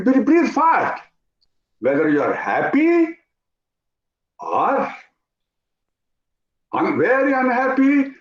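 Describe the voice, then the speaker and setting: A man with an Indian English accent, teaching an online yoga class, talking in an animated way, repeating phrases and asking his students questions. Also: high voice. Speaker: yoga instructor. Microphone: video call. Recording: roomy, dull lo-fi video call audio.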